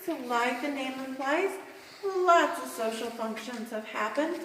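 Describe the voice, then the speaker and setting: A woman's voice: high voice, animated, a little slow, a bit bright, recorded from a distance. A woman working as a cave tour guide, explaining things informally to a group of visitors inside a large cave. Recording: very echoey cave, long reverb, background noise.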